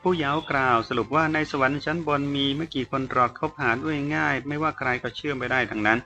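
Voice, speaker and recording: Man reading a novel aloud, chatty asides explaining words, bright sharp voice, dull lo-fi sound. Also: medium pitch, fast talker. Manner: stops to explain terms chattily. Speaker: story reader. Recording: dull lo-fi with faint music.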